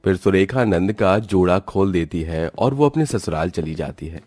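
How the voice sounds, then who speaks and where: Male storyteller, very deep, dry studio read, steady narration for a cartoon. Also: moderate pace, no echo.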